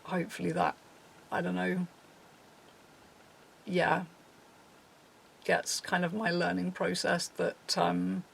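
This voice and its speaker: A man's voice: high-pitched, completely flat delivery, slow, creaky, pauses often, fairly bright tone, slight background noise. A young man earnestly addressing his viewers in a serious apology video. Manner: earnest, reads from a prepared script. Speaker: channel host.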